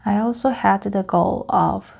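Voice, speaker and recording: Reading a script aloud for practice, a woman whose first language is Korean speaks slowly with a gravelly, mid-range voice that is a little mellow. As an English learner she hesitates, goes back over phrases and fixes her own mistakes.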